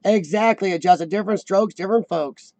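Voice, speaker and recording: Hosting a live chat show, this forties-aged man chats casually while reading out comments from viewers. Lung illness and long bouts of coughing have left his squeaky, high voice gravelly, though its tone stays mellow and dark; frequent throat-clearing and halting restarts mark his speech. The sound is close and dry, free of room sound.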